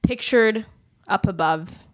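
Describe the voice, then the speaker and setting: A woman's voice: mid-range voice, slow, dry recording. Podcast host: young woman, New Jersey accent, giggly and chatty, close dry sound. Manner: chatty, laughs often, giggly asides. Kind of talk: casual chat. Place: bedroom.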